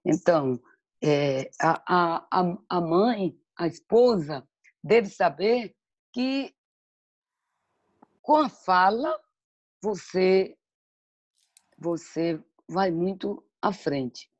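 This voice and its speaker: A woman's voice: on the low side, animated, very slow, long pauses. Woman sharing stories and scripture, lo-fi. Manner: reflective, storytelling, quotes scripture. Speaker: guest speaker on motherhood. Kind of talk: church talk on faith and motherhood.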